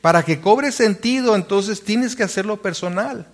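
A man's voice: high voice, normal speed. A male pastor preaching a sermon, reading scripture aloud and asking his congregation rhetorical questions.

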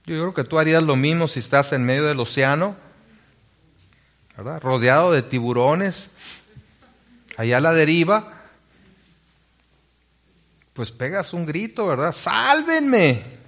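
Male pastor, slightly high voice, sermon delivery, questions to the congregation. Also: a little slow, pauses often, a bit bright. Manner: preaching with rhetorical questions to the congregation; reads scripture aloud.

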